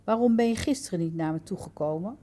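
A woman reading aloud as a stern, commanding male toll lord who asks sharp, probing questions. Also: medium pitch, fast talker, lightly acted.

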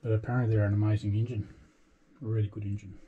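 An older man with an Australian accent walks through a boat's engine room on his vlog, talking in a halting, rambling way full of ums and restarts, tired and frustrated. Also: fairly low pitch, little pitch movement, dark tone, highs cut off, slight background noise. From Tasmania, Australia. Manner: weary and frustrated. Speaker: boat repair vlogger. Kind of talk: casual walkthrough vlog. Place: boat engine room, indoors.

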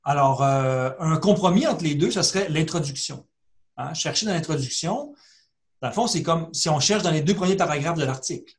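A man's voice: fairly high pitch, lively intonation, normal speed. A man, a librarian, talks through a screen-share tutorial in a conversational way, full of fillers and restarts. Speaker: librarian giving a webinar.

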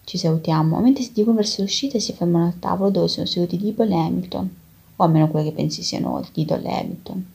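Woman reader, very breathy and gravelly, dark tone, measured novel narration. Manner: measured, low-key first-person narration. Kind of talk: dramatic reading of a novel.

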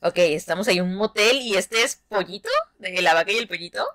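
A woman's voice: mid-range voice, a little fast, a bit bright, dry recording. A woman who hosts a reaction video and gushes over cartoon clips in casual commentary. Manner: gushing, exclaiming and laughing at the clips.

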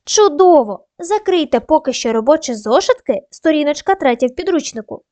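A woman teaching a primary school video lesson, giving patient, clear instructions and spelling out sounds and syllables one by one. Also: high-pitched, expressive, fairly quick, dark tone, no echo.

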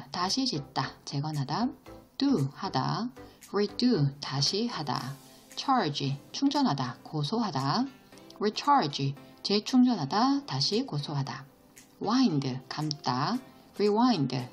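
A deep-voiced woman teaches an English vocabulary lesson, explaining every word slowly and patiently. Along the way she prompts her students with questions and answers.

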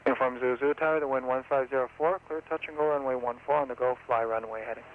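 A man's voice: mid-range voice, fairly even intonation, very fast, narrow, tinny audio. A man giving clipped, procedural tower instructions to pilots over the radio. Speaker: airport tower controller. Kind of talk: air traffic control radio instructions. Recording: noisy, crackling air traffic radio.

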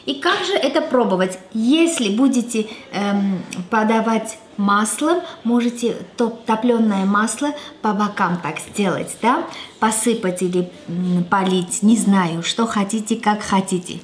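A woman's voice: mid-range voice, a little slow. A woman in her thirties with an Armenian accent hosting a cooking show in her home kitchen, chatting casually and thinking aloud with fillers and restarts. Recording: echoey kitchen with background music.

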